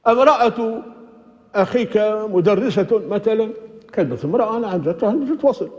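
A man's voice: high-pitched, expressive, brisk, darkish tone. An older man, a sheikh, teaching a classroom grammar lesson, patiently asking and answering his own questions and repeating words as he thinks. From Libya. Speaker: sheikh teaching Quranic exegesis. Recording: dull lo-fi recording with long hall reverb.

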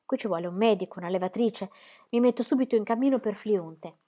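A woman reading an audiobook, voicing a gentle, cautious old man who reasons calmly. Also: medium pitch, fast talker, lightly acted. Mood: concerned. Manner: calm, reasoning, reassuring.

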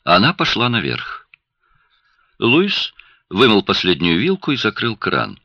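A man narrating an audiobook in an expressive, dramatic reading style. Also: on the low side, unhurried, no echo. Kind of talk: scripted narration. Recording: dry, dull lo-fi sound.

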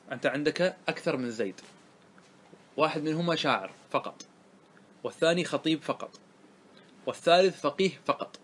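A man teaches grammar in a classroom lesson, and his voice sits a little high for a man. He draws out each line of verse as he recites it. Then he breaks off to quiz his listeners with short checks. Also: fairly bright tone. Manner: asks students rhetorical checks, recites verse slowly. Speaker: sheikh teaching Arabic grammar.

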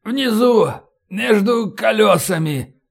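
A man voicing a wounded male colonel who gasps for air and cries out in strained, wheezing shouts. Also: high-pitched, expressive, slow pace, vocal fry, breathy edge, pitched above the performer's own voice, full character voice. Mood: pained shouting.

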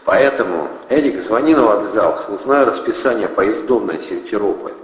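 A cool gang boss, voiced by a male reader, gives calm, curt orders in a lively, slightly raised voice. The audiobook sounds dull, with an echoey, reverberant room around it. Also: fairly low pitch, normal speed, close to an everyday voice.

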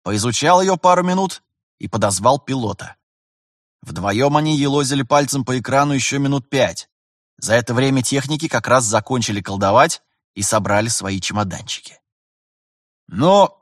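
A man's voice: mid-range voice, normal speed, no echo, clean studio sound. A man narrating an audiobook in a wry, colloquial storytelling manner. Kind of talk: scripted narration.

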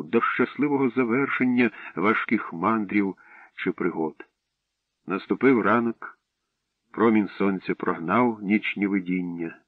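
A man reading a story aloud in a steady, measured way. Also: on the low side, no room sound. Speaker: audiobook reader. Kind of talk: storytelling narration. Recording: dry tinny radio broadcast.

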